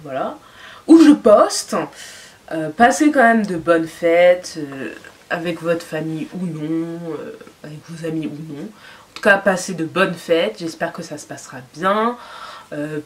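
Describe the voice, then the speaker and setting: A young woman gushes over her latest buys in a casual haul vlog, her talk full of fillers and little exclamations. Her voice sits a touch low for a woman. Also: measured pace. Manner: enthusiastic, chatty, with frequent fillers. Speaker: fashion and beauty vlogger. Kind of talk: casual haul video chat.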